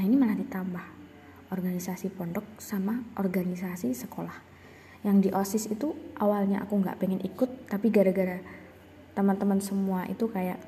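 A woman's voice: mid-range voice, dark tone, slight background noise. A young woman telling a personal story in a casual, reflective and confessional way, hesitating and restarting often. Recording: long reverb.

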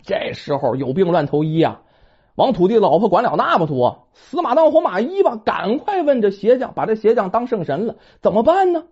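Woman, storyteller, folk tale, dramatic colloquial telling, mellow, dull lo-fi recording. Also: medium pitch, very animated, moderate pace, slightly rough.

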